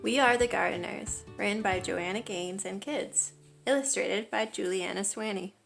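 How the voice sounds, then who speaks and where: A woman with a medium-pitched voice reads a children's picture book aloud, storyteller-style, expressively leaning into key words. She speaks at a normal speed with some vocal fry, over music.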